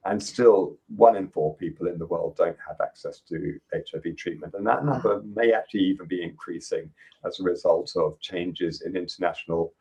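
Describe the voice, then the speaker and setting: Husky low-voiced man in his fifties. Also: moderate pace, mellow, poor audio. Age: 50s. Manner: earnest, reflective, frequent fillers. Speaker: podcast guest. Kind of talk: interview conversation.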